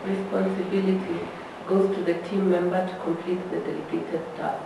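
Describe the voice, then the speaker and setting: A woman's voice: lowish voice, little pitch movement, moderate pace, vocal fry, dark tone. A woman in a class reading points aloud from her notes. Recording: echoey room, far from the mic, noisy background.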